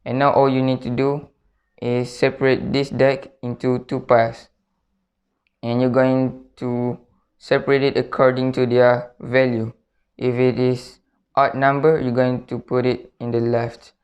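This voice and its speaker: A man's voice: medium pitch, level tone, measured pace, a little mellow. A man presenting a step-by-step spoken tutorial, repeating himself and often checking in with short tag questions. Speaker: card trick tutorial presenter. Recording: dull, lo-fi sound.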